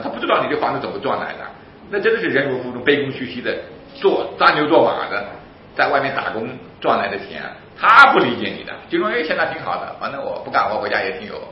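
A man preaching a sermon in an animated, emphatic way, asking rhetorical questions and answering them himself. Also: mid-range voice, a little hiss or hum. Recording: roomy, slightly dull recording.

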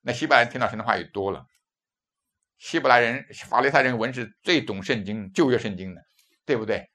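A man's voice: medium pitch, fairly quick, sharp tone. A man in his fifties from China, preaching a sermon with emphatic rhetorical questions. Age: 50s.

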